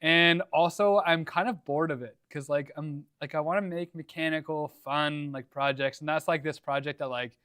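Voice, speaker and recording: A man's voice: a little high, fairly even intonation, normal speed, few pauses, pushed and bright, smooth, dry recording, studio quality. Laid-back young man, livestream chat. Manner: laid-back, rambling, lots of likes and ums. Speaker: livestream host. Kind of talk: casual livestream Q&A. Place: home workshop.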